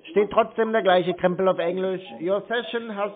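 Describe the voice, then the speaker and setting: A man's voice: high-pitched, fairly even intonation, normal speed. Teasing man on a tinny phone line. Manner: stalling, teasing, playing dumb. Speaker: scam-baiting call recipient. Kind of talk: prank phone call.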